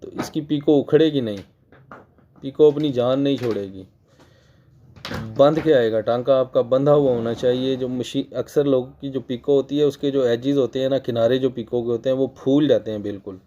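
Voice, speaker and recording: A man with a Pakistani Urdu accent, hoarse from a cold, walks viewers step by step through work at his sewing machine, patiently repeating key points in a casual tutorial voice-over. His mid-range voice is mellow and dark, steady in tone at a moderate pace, and he clears his throat often. The recording is dull and lo-fi with slight background noise.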